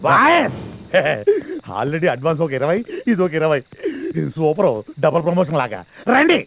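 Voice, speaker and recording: A man's voice: fairly high pitch, huge pitch swings, unhurried, gravelly, fairly bright tone, slight background noise, exaggerated voice. An actor playing a crude, bossy male broker in a comedy film scene, scolding and scheming. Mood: sly. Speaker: pimp-like broker.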